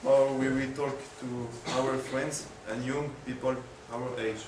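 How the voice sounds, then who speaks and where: A man's voice: medium pitch, steady tone, a little slow. A hesitant young man, stumbling on fillers as he reads. He is far from the mic in an echoey, noisy room. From France. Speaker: student. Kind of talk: reading a prepared class presentation.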